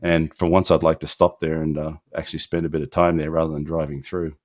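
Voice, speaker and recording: A man with an extremely low, flat voice talks fast while hosting a casual live business Q&A webinar, answering loosely with lots of fillers and restarts. He is not from Indiana. The audio is dull, dry and lo-fi.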